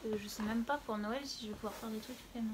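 Woman, podcast co-host, casual chat, slightly high pitch, trailing soft asides, faint background noise. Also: fairly even intonation, fast talker. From France. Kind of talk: casual chat about knitting.

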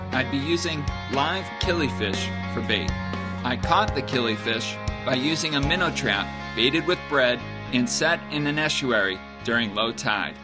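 A man in his thirties presenting an outdoor fishing how-to as a guide. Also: mid-range voice. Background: background music.

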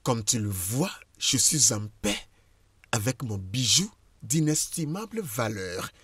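A stern, dismissive husband. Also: male voice, medium pitch, big pitch swings, slow pace, a bit bright, breathy edge, no echo, full character voice. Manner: firm, dismissive. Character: stern husband refusing his ex-wife. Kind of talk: French-dubbed film acting.

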